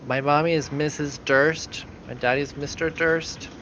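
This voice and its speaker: A man voicing a frightened girl of about eight in a tabletop game, speaking in halting, pleading phrases. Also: a little high, steady tone, fairly bright tone, muffled recording, a little hiss or hum, pitched above the performer's own voice. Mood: worried. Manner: pleading, halting child speech.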